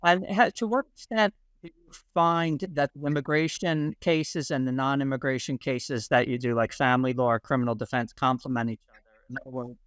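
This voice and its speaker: A man hosting a video podcast, reading a scripted intro and then asking questions with some halting repeats. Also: fairly high pitch, a bit bright, clean tone, dry recording. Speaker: podcast host, interviewer.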